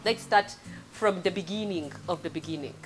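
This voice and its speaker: A woman's voice: fairly low pitch, normal speed, over music. A young Ugandan woman hosting a casual talk show in a salon, teasing her guests and laughing often. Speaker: host. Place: salon set, indoors. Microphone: lapel mic.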